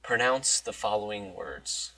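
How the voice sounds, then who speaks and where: A man's voice: on the low side, measured pace, sharp tone, distant mic, poor audio. A young adult American man from New Jersey chatting casually, rambling and interrupting himself, with some offhand swearing. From New Jersey, United States. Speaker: blogger recording an accent challenge.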